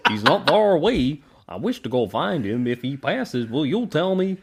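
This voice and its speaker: A man's voice: fairly high pitch, sing-song, moderate pace, creaky, fairly bright tone, breathy edge, pitched above the performer's own voice, heavily acted. A man putting on a goofy cartoon drawl for a male Ringwraith, reading his lines with a laugh in the voice. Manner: drawling, silly.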